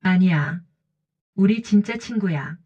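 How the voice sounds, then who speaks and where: A woman's voice: on the low side, expressive, takes it slowly, darkish tone, slightly rough, heavily acted. A woman voicing a cautious, lonely woman in her late fifties who talks in short, plain sentences, on a dull lo-fi recording. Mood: angry. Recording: dull lo-fi audio.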